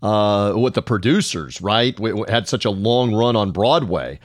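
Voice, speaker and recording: A man's voice: fairly low pitch, moderate pace, dry recording. A man co-hosting a casual movie podcast, rambling with lots of hesitation and a sarcastic edge. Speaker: podcast co-host.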